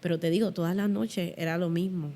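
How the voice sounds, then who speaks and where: A woman's voice: on the low side, a little fast, a little hiss or hum. A middle-aged woman with a Puerto Rican accent, a guest telling childhood stories in an interview and acting out the voices in them. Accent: Puerto Rican Spanish. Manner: animated, acts out childhood voices. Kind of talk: storytelling in an interview.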